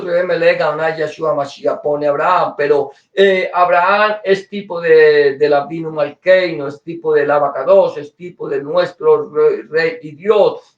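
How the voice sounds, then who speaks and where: A man with a high voice preaches a sermon, heard from a distance in a roomy, echoing space on a dull-sounding recording. He stumbles and repeats words, swinging between loud emphasis and quiet asides.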